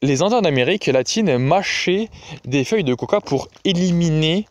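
A man's voice: a little high, lively intonation, moderate pace, no room sound, voice pushed up, natural voice. A man doing a teasing ironic novelist. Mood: argumentative.

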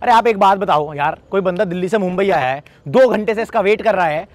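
Fast, high-voiced pushy young man. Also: no room sound. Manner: pushy, insistent, laughing through the act. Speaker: prankster. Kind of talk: street prank confrontation.

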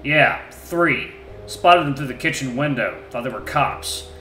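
A man's voice: medium pitch, a little slow, bright, forceful tone, a little hiss or hum, voice pushed up. A man voicing a crude, ill-tempered male wolf being questioned, with blunt, clipped answers full of swearing. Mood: grumbling. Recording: echoey room with faint music.

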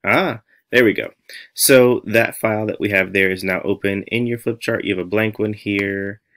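Speaking at normal speed in a lowish voice, an American-accented music teacher in his thirties hosts a casual tutorial. He thinks aloud, talks to himself, and stays playful and animated throughout.

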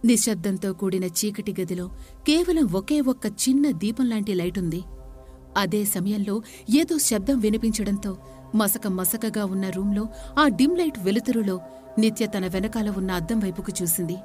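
A woman narrating a horror story in a measured, suspenseful way. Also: medium pitch, dark tone, faint music behind.

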